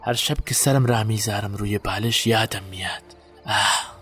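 An actor playing a guilt-haunted man recalling a night burial, in a halting, haunted way. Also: on the low side, steady tone, sharp tone, faint music behind. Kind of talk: audio drama acting.

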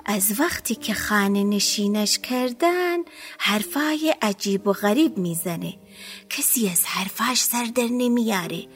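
A woman's voice: mid-range voice, expressive, lightly acted. A woman voicing a wary, secretive fellow prisoner who talks in guarded, curt lines in an audiobook, with faint music under her.

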